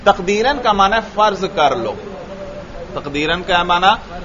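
A man with a somewhat high voice teaching a grammar class. He keeps asking the students questions and repeats their answers back to them. The recording sounds dull and lo-fi. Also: expressive, a crowd in the background.

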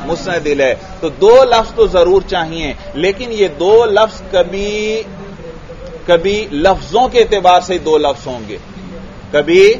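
A man with a somewhat high voice teaching a grammar class. He keeps asking the students questions and repeats their answers back to them. The recording sounds dull and lo-fi.

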